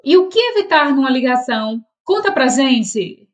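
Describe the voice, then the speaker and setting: A woman interviewer reads short, scripted prompt questions. Her voice is high. Loud music plays underneath her. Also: very animated, moderate pace, dull audio.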